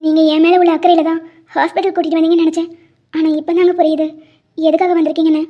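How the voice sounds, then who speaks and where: A woman voicing a young wife in an animated drama, hurt and pleading with quiet bitterness. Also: extremely high pitch, racing. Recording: dull lo-fi sound.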